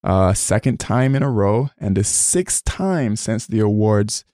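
A man's voice: fairly low pitch, expressive, measured pace, warm tone, no echo, clean studio sound. A man from Barbados, hosting an interview in a friendly, chatty way with long questions. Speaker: interview host. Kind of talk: conversational interview.

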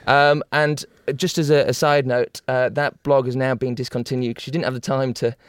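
A man's voice: medium pitch, little pitch movement, moderate pace, clear, resonant tone, no room sound, studio quality. A British man hosting a comedy podcast, chatting and interviewing in a jokey, teasing way. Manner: jokey, teasing, laughs readily. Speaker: podcast host. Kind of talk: comic interview chat.

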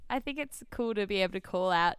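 A woman co-hosts a faith podcast, upbeat and affirming, cheering her guest on and praying aloud. Her voice is very clean and clear, at an ordinary pitch. It is recorded dry and close. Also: expressive, fast, no echo. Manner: enthusiastic, affirming, prays aloud. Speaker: podcast co-host. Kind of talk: casual faith podcast chat.

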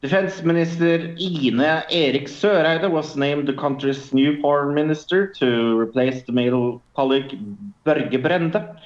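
Slow-talking man with a cave-like echo. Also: mid-range voice. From Norway. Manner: slow, laid-back delivery with frequent fillers. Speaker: podcast co-host. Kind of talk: casual chat. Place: hospital room. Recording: echoey, dull lo-fi sound from a hospital room.

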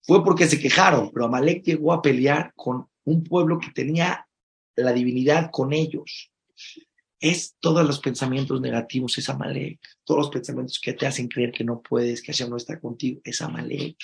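A rabbi teaching Torah in a sermon, mixing Hebrew phrases into his Spanish, emphatic and shifting from soft, intimate asides to loud exclamations. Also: medium pitch, fairly even intonation, normal speed, vocal fry.

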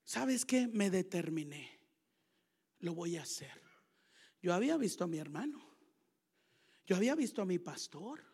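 Gravelly older woman preaching. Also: on the low side, sing-song, a little slow, pauses often. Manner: emotional, swings from soft murmurs to loud shouting. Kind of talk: sermon.

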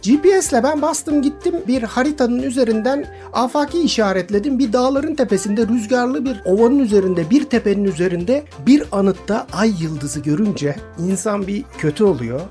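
A woman's voice: fairly high pitch, normal speed, few pauses, faint music behind. A woman from Istanbul, a touring cyclist, telling travel stories as a guest in a radio interview and speaking straight to her listeners. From Istanbul, Turkey. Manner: lively anecdotal storytelling, addressing listeners directly.

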